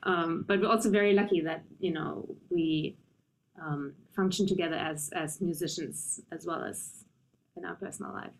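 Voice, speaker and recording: A woman pianist in her thirties, from Germany, answering interview questions in a thoughtful, measured way. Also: on the low side, steady tone, a little hiss or hum, low-quality recording. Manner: thoughtful, measured, with frequent um and you know. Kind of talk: conversational interview.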